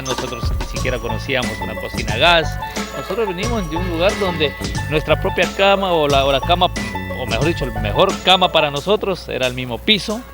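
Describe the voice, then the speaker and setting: Testimony, man from Ecuador, mid pitch, halting and reflective, music bed. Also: gravelly. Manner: reflective with hesitant restarts. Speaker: entrepreneur. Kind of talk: personal testimony. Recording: loud music under interview.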